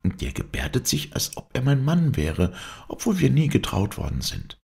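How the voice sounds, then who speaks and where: A man's voice: mid-range voice, wildly swooping pitch, moderate pace, creaky, darkish tone, pitched above the performer's own voice. A man voicing a spirited young woman circus rider in an audiobook, talking in an urgent, playful rush. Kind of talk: audiobook character voice.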